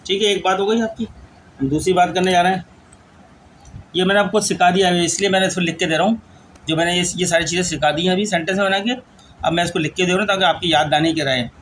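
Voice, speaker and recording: A man teaching English grammar, dictating rules slowly word by word as he writes them out. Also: high voice, fairly even intonation, fairly bright tone, a little hiss or hum, low-quality recording. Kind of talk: lecture explaining grammar rules.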